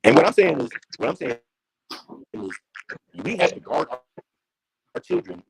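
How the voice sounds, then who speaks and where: A high-voiced man with a lively, swooping delivery comes through an online call that keeps breaking up. The connection chops his words and makes him sound robotic. He talks earnestly and keeps restarting his phrases. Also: moderate pace, vocal fry, slight background noise, low-quality recording. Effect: choppy, breaking-up call connection with robotic dropouts. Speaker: guest on an online call-in show. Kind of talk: casual chat.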